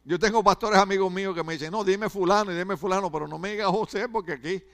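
A male pastor preaches in a fairly high voice. He talks to his congregation casually, joking and stumbling over his words before pushing on. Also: fast talker, fairly bright tone. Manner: conversational, humorous preaching with stammered restarts. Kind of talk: sermon.

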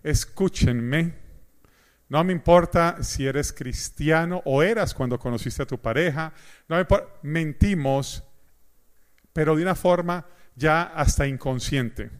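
A middle-aged man preaches to his congregation with lively humor, acting out the dialogue of his stories. His voice sits a little high for a man. He moves easily between teaching and storytelling. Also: measured pace. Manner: animated storyteller, acts out dialogue. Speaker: pastor. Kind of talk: sermon with humor.

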